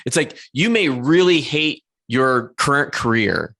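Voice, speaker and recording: A man in his forties hosts a podcast conversation with a mid-pitched, ordinary voice. He talks earnestly and casually, often restarting his thoughts as he goes. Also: lively intonation, measured pace, gravelly, a bit bright. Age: 40s. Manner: earnest, self-correcting with frequent restarts. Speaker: podcast host. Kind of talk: conversational interview.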